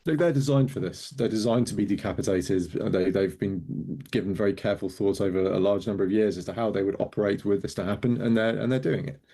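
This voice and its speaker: A Welsh man speaking as a guest analyst, measured and hesitant with frequent ums. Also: on the low side, mellow. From Wales. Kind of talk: interview commentary.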